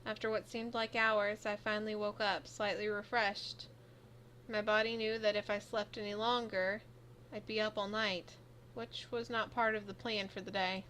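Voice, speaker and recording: A young adult woman streamer reading a visual novel aloud, expressive as she voices the heroine and reacts. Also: mid-range voice, normal speed, slight background noise.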